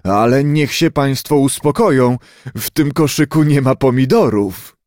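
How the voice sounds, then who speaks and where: A man voicing a polite, calm gentleman on a train, speaking in a soothing way. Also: medium pitch, unhurried, no room sound, clean studio sound, natural voice. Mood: placating.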